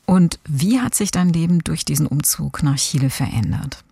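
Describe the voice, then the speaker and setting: Low-voiced woman interviewer, dry sound. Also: animated, normal speed, creaky, mellow, slightly rough, no room sound. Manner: attentive, asks probing questions. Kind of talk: interview conversation.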